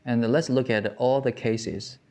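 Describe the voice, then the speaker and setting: A man teaching Mandarin tones, explaining slowly with frequent restarts and pauses. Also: mid-range voice, steady tone, darkish tone. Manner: halting, with many restarts and fillers. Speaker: Chinese language teacher. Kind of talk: slow explanatory lesson.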